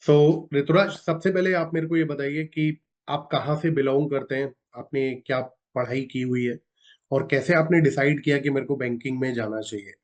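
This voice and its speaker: A man's voice: medium pitch, steady tone, normal speed. A man hosting an interview as an exam mentor, polite and encouraging, with short affirmations between the guest's answers.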